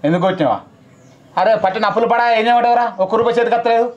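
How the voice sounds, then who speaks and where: A hot-tempered young village husband with a Telangana Telugu accent, as a man plays him in a comedy sketch. He talks at a breakneck clip in a high voice. His tone is scolding and threatening. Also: muffled recording, lightly acted. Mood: complaining. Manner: scolding, rapid-fire, threatening.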